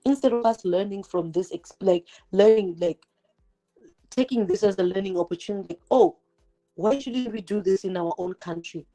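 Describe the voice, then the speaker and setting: A chatty young woman from Zimbabwe, whose first language isn't English, livestreams as a YouTuber from her home kitchen, cooking while she talks. Her mellow voice is medium-pitched at normal speed, with soft background music, fireworks outside, and poor audio. She speaks straight to viewers, using many "like"s and rhetorical questions.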